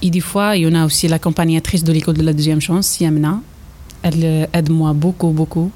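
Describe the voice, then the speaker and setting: Algerian woman late 20s, kinda low soft-toned voice, broken french, telling her own story in an interview. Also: fairly even intonation, a little fast. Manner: broken, non-native French with grammar slips. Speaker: trainee interviewee. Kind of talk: personal testimony in interview.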